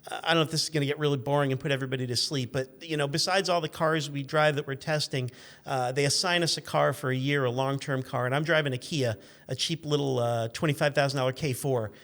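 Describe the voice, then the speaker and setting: Talking fast in a steady, mid-range voice with a fairly bright tone, this man in his fifties is a guest who edits a car magazine and once interned in radio. His anecdotes ramble and digress, full of self-deprecating jokes.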